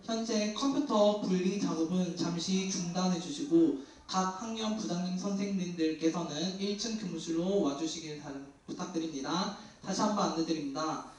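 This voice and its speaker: A man with a clear, ringing voice making a polite, formal announcement over a school intercom loudspeaker. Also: sits high. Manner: polite, formal, repeats the notice. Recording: echoey distant loudspeaker heard in a classroom.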